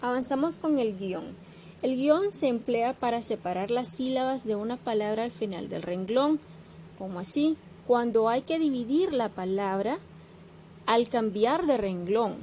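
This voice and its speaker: A woman's voice: fairly high pitch, lively intonation, unhurried, warm tone, a little hiss or hum. A woman teacher, patiently explaining punctuation to students.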